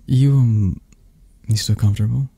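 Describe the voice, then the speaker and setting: A man voices a tender but possessive mafia boss for ASMR romance roleplay, his mid-range voice dark in tone. He murmurs intimately and teasingly at a slow, halting pace with a husky edge, the sound close and dry with no echo, in a tender, sleepy mood.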